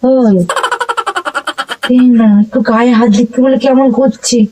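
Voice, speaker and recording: A woman's voice: sits high, little pitch movement, measured pace, highs cut off, background noise. A young woman with a Bengali accent, coaxing and pleading with her husband, exasperated when he ignores her. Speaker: wife in a prank video.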